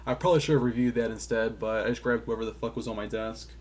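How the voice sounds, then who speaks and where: A man's voice: medium pitch, steady tone, fast, a little mellow, slightly rough. A man giving a casual, rambling game review, full of fillers, offhand and self-deprecating, with casual swearing.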